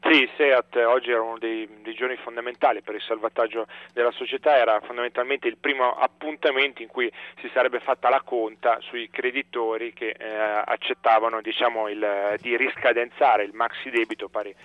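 Guy doing a live stock report, explains things steady, muffled lo-fi line. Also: medium pitch, brisk, hardly any pauses, no room sound. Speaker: market correspondent. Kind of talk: live radio market report.

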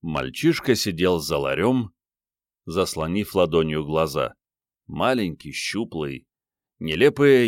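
A man narrating an audiobook in a steady, measured reading. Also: sits low, dry recording, studio quality. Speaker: audiobook reader.

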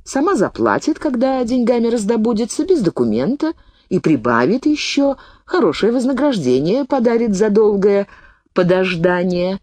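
A woman's voice: mid-range voice, normal speed, no echo, voice pushed up. A woman reading an audiobook, voicing a shrewd, talkative old woman peddler who tells her tale in a folksy, indignant way. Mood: shrewd explaining. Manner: folksy storytelling, lively and indignant.

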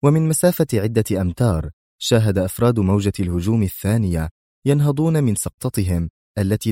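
Male storyteller, lively dramatic thriller reading, dry close sound. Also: lowish voice, no echo. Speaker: narrator. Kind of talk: dramatic audiobook narration.

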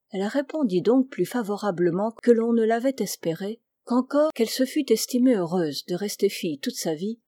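A woman reading a classic fairy tale aloud in measured, expressive narration. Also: medium pitch, no echo, clean studio sound. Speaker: reader.

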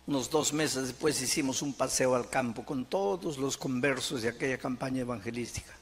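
A male pastor with a Latin American Spanish accent preaching a sermon, moving between loud, high appeals and soft, slow storytelling.

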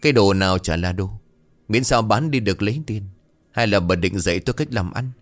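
A man doing a gruff greedy old money-lender. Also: on the low side, fairly quick, lightly acted. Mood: domineering. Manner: gruff, scornful and threatening.

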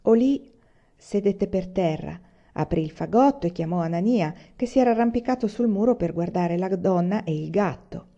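A woman narrating a novel in a measured, unhurried audiobook reading, on a dull lo-fi recording. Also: mid-range voice, expressive, warm tone. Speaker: audiobook reader.

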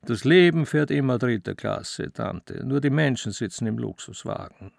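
A man's voice: medium pitch, expressive, moderate pace, vocal fry, no echo, studio quality. A man voicing a languid, mocking young man with a cool, teasing way of speaking.

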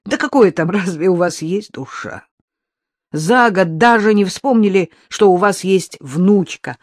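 A narrator voicing a bold young woman who mocks and accuses loudly. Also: mid-range voice, expressive, unhurried, no echo, studio quality, pitched above the performer's own voice. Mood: accusing. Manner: mocking, accusing, loud. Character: bold mocking young woman, fierce and defiant. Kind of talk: audiobook character voice.

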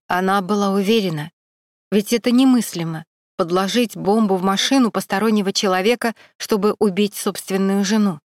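Female audiobook narrator, even delivery, dry booth sound. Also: mid-range voice, dry recording. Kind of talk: scripted narration of a detective novel.

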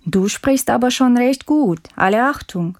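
A curious, polite course student interviews her new classmate, played by a woman in a scripted textbook dialogue. Her voice sits a little high and every word comes out clear and careful. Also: animated, unhurried. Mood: friendly, curious.

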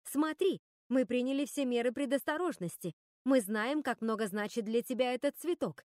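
A woman's voice: fairly high pitch, moderate pace, a little mellow, no room sound, clean studio sound, close to an everyday voice. A woman voicing a nervous witch sister who pleads and apologizes. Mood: pleading. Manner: anxious, pleading.

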